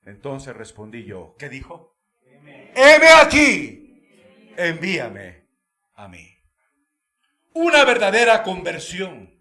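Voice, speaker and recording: A man pastor preaching a sermon in a church, with emphatic delivery that swings from hushed asides to shouted exclamations. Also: a little high, big pitch swings, takes it slowly, pauses often. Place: church sanctuary.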